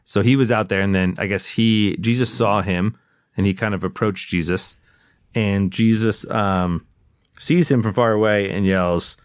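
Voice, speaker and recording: Deep-voiced man casually retelling a story. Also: unhurried, clear, resonant tone, no echo, clean studio sound. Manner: relaxed, rambling storyteller. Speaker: podcast co-host.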